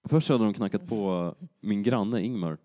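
A man's voice: on the low side, mellow. A young man casually telling a long story on a podcast, rambling with fillers and acted-out quotes.

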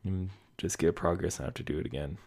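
A young man hosts his own casual solo podcast from a basement room at home, rambling with lots of fillers and self-deprecating asides. His voice sits low and is gravelly and darkish, with fairly even intonation, and he talks fast.

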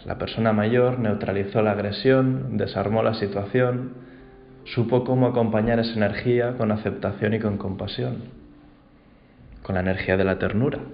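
A man gives a calm, reflective mindfulness talk. His voice sits fairly low, and the recording sounds roomy and a little dull. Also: vocal fry. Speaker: mindfulness teacher.

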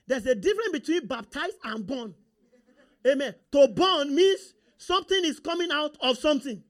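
This male preacher, a Yoruba first-language speaker with a Nigerian accent, delivers a sermon full of rhetorical questions, constantly seeking the congregation's answers and agreement in call-and-response fashion. His voice is extremely high-pitched and expressive, at a normal speed.

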